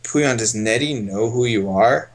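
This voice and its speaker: A man coaching poker on a casual stream, thinking aloud in a relaxed way as he explains each hand. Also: mid-range voice, unhurried.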